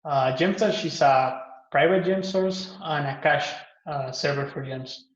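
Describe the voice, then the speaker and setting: A man from Guatemala with a slightly high voice gives a conference pitch, leaning on "uh" and "um" as he goes and often restarting his sentences. The recording sounds echoey and somewhat muffled, like a lo-fi room take. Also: a little slow. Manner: relaxed, with frequent "uh" and "um" fillers and self-repairs. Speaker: open source maintainer giving a project pitch.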